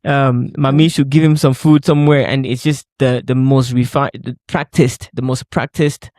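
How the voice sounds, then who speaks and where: A man from Cameroon co-hosting a podcast, telling stories in a lively, emphatic way in casual chat. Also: medium pitch, moderate pace, no echo, studio quality. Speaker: podcast co-host.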